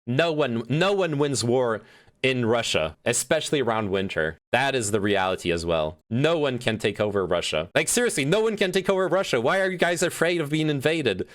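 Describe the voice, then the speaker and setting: A young male streamer with a medium-pitched, slightly bright voice talks at normal speed with lively intonation. He reads out chat messages and reacts, chatting about politics with many fillers and restarts and swearing freely.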